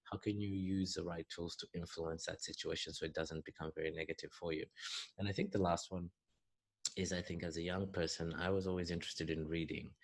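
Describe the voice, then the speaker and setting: Middle-aged Zambian-born business coach, very low and even delivery, earnest mentor tone, dry close mic. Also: male voice, fairly quick, gravelly, no room sound. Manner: earnest, advice-giving, thinks aloud with fillers. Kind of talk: recorded advice talk for a youth summit.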